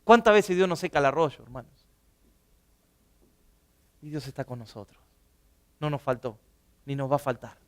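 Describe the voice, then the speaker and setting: A pastor preaching a sermon in a church, animated, swinging between loud bursts and soft asides and acting out the people he quotes. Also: mid-range voice, normal speed, long pauses. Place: church sanctuary.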